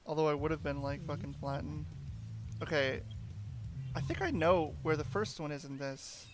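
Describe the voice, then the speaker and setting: A man's voice: a little high, music in the background. A young man chatting casually and swearing as he plays a video game, joking with a friend. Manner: swearing, joking, talks fast while playing. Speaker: gaming podcast host. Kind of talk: casual gameplay chat.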